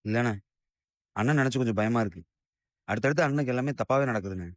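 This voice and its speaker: A man's voice: medium pitch, fast talker, dry recording, clean studio sound, lightly acted. An actor playing an anxious younger man who speaks in a subdued way about his worries.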